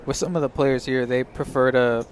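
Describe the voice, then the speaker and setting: A man calls a live poker stream from the booth, his voice sitting at an ordinary middle pitch. He talks in a loose, chatty way, working out the hands as he goes. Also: steady tone, moderate pace, crowd noise. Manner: chatty, thinks aloud while reading hands. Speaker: poker commentator.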